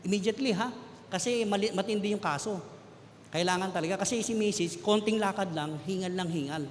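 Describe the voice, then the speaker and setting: A middle-aged Filipino man preaching a personal testimony, his voice set high for a man. He tells his story with feeling, rising to urgent peaks and dropping to near whispers. The sound carries a long hall echo over a faint background hum. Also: a little fast. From Philippines. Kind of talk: sermon testimony.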